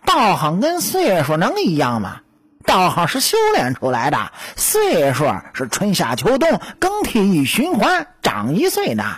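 A woman's voice: lowish voice, wildly swooping pitch, a little slow, slightly rough, voice pushed down, heavily acted. A woman voicing a cocky, teasing male weasel spirit in a storytelling audiobook. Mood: smug teasing. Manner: teasing, smug, chuckling.

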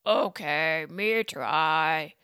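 A woman voicing a slow, groaning male Frankenstein monster who grunts in broken speech. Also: deep voice, a bit bright, clean tone, no echo, clean studio sound, voice pushed down, full character voice. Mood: grumbling.

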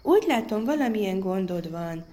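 A woman voicing a sweet, gentle little female frog who coaxes a prince. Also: mid-range voice, expressive, close to an everyday voice. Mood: coaxing.

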